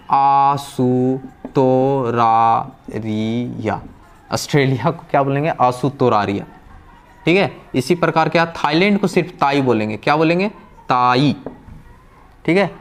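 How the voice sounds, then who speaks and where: A man teaching a vocabulary lesson who keeps asking questions and answering them himself, explaining patiently step by step. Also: a little high. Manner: drills with repeated questions and answers. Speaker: language teacher. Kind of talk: classroom-style vocabulary lesson.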